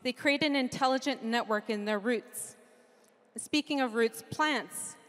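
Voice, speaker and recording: A middle-aged Japanese woman delivers a keynote on a large conference stage in front of an audience, speaking into a handheld mic. Her voice is fairly high and bright, and she speaks unhurriedly, earnest with touches of humor as she lists ideas in rhythmic runs. The big venue gives the recording a long hall reverb.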